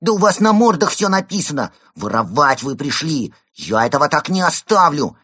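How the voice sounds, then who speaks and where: A tiny ghost tiger cub in a storybook yells and scolds in a thin, squeaky voice pitched far up. The voice is breathy and husky. It sits close and dry, with no room around it. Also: male voice, sing-song, normal speed, no echo, heavily acted. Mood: angry scolding. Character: rude, indignant little ghost tiger cub. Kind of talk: audiobook character reading.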